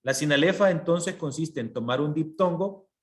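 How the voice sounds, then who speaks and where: A man's voice: a little high, normal speed. A male teacher giving an online language lesson, explaining step by step and often checking that his students follow. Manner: patient, explains step by step with frequent checks for understanding. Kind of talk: online class lecture.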